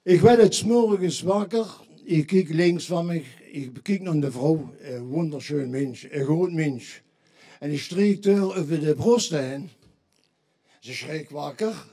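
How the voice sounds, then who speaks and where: A man's voice: on the high side, a little slow, mellow, husky. A man with a Limburgish accent performing a carnival joke routine, acting out the characters in his jokes. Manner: tells punchline jokes, acting out quoted voices. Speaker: carnival stand-up comedian.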